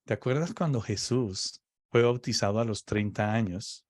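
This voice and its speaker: A preacher with a lowish voice, recorded dry, teaches about faith in conversation. He explains things slowly and patiently, frequently checking with his listener by asking "¿ok?"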